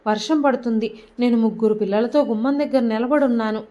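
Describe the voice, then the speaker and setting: A woman voicing a wronged wife who speaks calmly and firmly. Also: on the high side, fast, close to an everyday voice. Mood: steady, stern. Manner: calm, steady, quietly stern. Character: wronged wife, now composed and firm.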